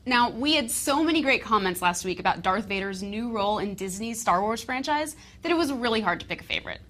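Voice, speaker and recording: Skeptical lady cohost, lively sing-song delivery, little high. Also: a little fast, a little hiss or hum. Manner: wry, skeptical banter. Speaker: co-host of a tech rumor show. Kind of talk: scripted show hosting.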